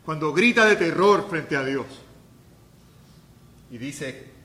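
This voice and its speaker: A man preaching a sermon as pastor, talking conversationally, then rising to loud, emphatic peaks. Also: fairly high pitch, expressive, slow pace, reverberant, slight background noise.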